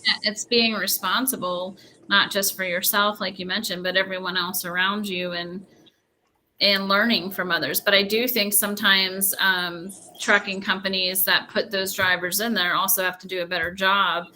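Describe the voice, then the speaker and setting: A woman's voice: medium pitch, little pitch movement, moderate pace, bright, forceful tone, a little hiss or hum. A woman hosting a podcast, talking casually with her panel. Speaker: podcast host.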